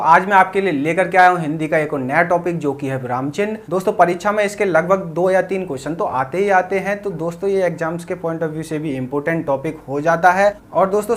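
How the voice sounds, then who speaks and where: A man runs an exam-prep grammar lesson, addressing his viewers as friends throughout. He stops to read his examples slowly and deliberately. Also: high-pitched. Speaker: teacher.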